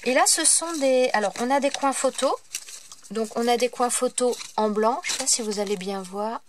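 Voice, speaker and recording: A woman's voice: fairly high pitch, moderate pace, a little hiss or hum. A woman from France chatting casually in a haul video, hesitant and full of fillers as she shows her craft purchases. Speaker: craft vlogger.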